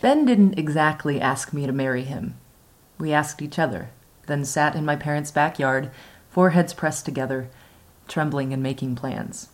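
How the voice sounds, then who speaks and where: A woman reading her own first-person memoir aloud in a measured, reflective way. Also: low-pitched. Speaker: memoir reader.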